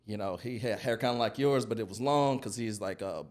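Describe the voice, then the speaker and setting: This American man in his early forties, a digital marketing consultant appearing as a podcast guest, tells stories in a relaxed, conversational way. His voice sits on the low side, slightly mellow, and he talks a bit quickly.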